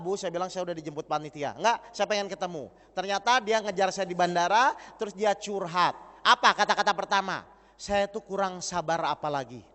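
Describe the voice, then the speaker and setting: A man preaching a lively sermon, acting out dialogue and putting questions to the audience. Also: high voice. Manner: animated, acts out dialogue, asks the audience questions. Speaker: Islamic preacher. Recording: long hall reverb.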